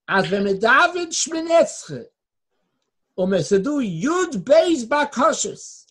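A Torah teacher giving a religious lecture with Hebrew quotations and chanted blessings, swinging from low murmurs to loud emphatic bursts. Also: big pitch swings, slow, husky.

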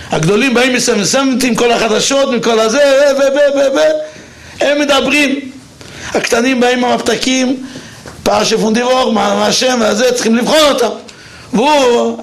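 A man, a religious teacher of teenage boys, lectures on child education with emphatic storytelling. His voice sits high and carries a gravelly rasp. He leaps upward whenever he presses a point home.

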